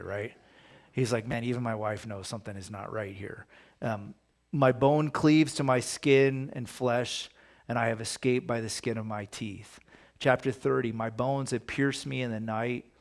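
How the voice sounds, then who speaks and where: A man's voice: medium pitch, gravelly. A man leading a casual Bible study, talking conversationally and reading scripture aloud with emphasis. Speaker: pastor.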